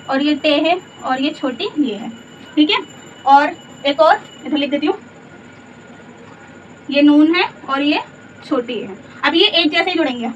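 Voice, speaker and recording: A woman teaching letters step by step, patient and repetitive, often asking simple check questions. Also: high voice. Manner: patient, repeats letters and asks rhetorical checks. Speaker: Urdu teacher. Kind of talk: slow step-by-step letter lesson. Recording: distant mic, dull lo-fi sound, faint room noise.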